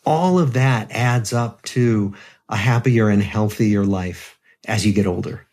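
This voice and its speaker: Calm older man in his seventies. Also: lowish voice, a little slow. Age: 70s. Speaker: psychiatrist and researcher, guest. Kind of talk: podcast interview.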